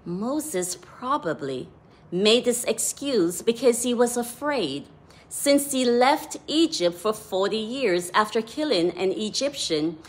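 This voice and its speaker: A devotional author with a Jamaican accent delivers a scripted devotional talk in a medium-pitched voice, measured and deliberate.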